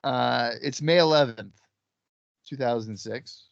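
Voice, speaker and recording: A man co-hosting a podcast in a relaxed, sleepy, offhand way, swearing now and then. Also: mid-range voice, slow pace, creaky, no room sound, muffled recording. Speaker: podcast co-host. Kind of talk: casual chat.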